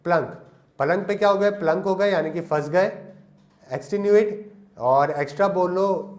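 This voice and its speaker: A man's voice: high voice, darkish tone. A young man teaching English vocabulary in Hindi, giving memory tricks and asking questions he answers himself. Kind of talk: Hindi lesson on English words.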